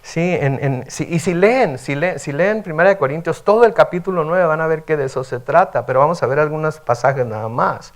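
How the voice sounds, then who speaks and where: Pastor preaching conversationally. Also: male voice, a little high, fairly quick, hardly any pauses. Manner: conversational, frequent "¿verdad?" tags, reads scripture aloud and explains. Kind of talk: midweek sermon, Bible teaching.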